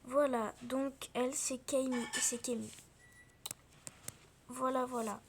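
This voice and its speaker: A young female video creator chatting casually while playing a game, speaking softly and often half-whispering, with many fillers. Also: sits high, steady tone, measured pace, slight background noise. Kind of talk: casual gameplay chat.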